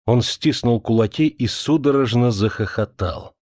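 A man reading a classic novel aloud in a measured, expressive storytelling voice. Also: mid-range voice, no room sound, studio quality. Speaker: audiobook narrator. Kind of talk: scripted literary narration.

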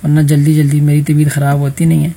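Gravelly-voiced man teaching online. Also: a little high, completely flat delivery, dark tone. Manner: patient, addresses students by roll number. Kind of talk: online Arabic grammar lesson. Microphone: computer mic in an online voice chat room.

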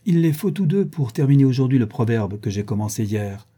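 A man's voice: medium pitch, very animated, a little fast, dark tone, slightly rough. A man reading an audiobook, voicing a witty, playful aristocratic lady who hands down mock-solemn judgments.

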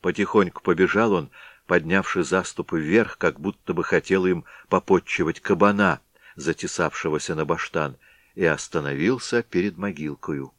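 A man's voice: low voice, moderate pace, a bit bright, dry recording, studio quality. A man reading a storybook aloud as narrator, telling the tale expressively.

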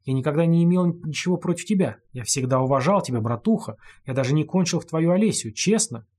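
A man voicing a frightened convict from an audiobook who babbles and pleads. The voice is husky and breathy. He speaks quickly and urgently. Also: fairly high pitch, expressive, darkish tone, pitched above the performer's own voice. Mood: pleading. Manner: begging, babbling. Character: terrified pleading male convict.

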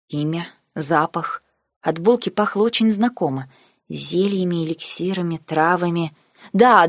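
A woman reading a first-person novel aloud in a wry, measured storytelling manner. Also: mid-range voice, no room sound, studio quality. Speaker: audiobook narrator. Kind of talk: scripted first-person narration.

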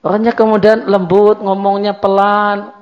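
This dull, lo-fi recording captures a male Islamic teacher's religious study lecture. He speaks at normal speed in a high voice with flat delivery, chatting repetitively and mixing in occasional Javanese words.

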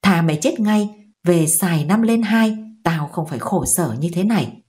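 A woman's voice: on the low side, animated, moderate pace, a little mellow, lightly acted. A woman voicing an angry old village mother scolding her son in a harsh, biting manner. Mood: bitter.

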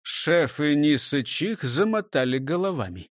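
A man narrating an audiobook story in a lively storytelling manner. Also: a little high, measured pace, no room sound, studio quality.

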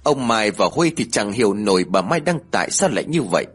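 Male storyteller, animated and dramatic, husky, faint music bed. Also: lowish voice, fairly quick. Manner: expressive, dramatic reading. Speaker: narrator. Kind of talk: storytelling narration. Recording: soft music underneath.

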